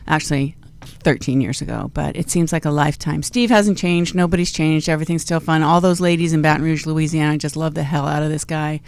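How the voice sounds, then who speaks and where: A woman's voice: low-pitched, steady tone, fairly quick, few pauses, darkish tone. A woman hosting a radio talk show in a studio, chatting casually and rambling with light jokes. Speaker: show host. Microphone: studio mic with headphones.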